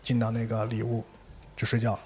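A man hosting a podcast, telling a ghost story in a casual, animated way and acting out the characters. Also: lowish voice, brisk, husky.

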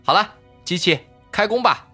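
A man's voice: high voice, expressive, normal speed, over music. An actor playing a smug, argumentative male robot constructor in an audiobook, with a needling, lecturing tone. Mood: scoffing. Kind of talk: audiobook character voice.

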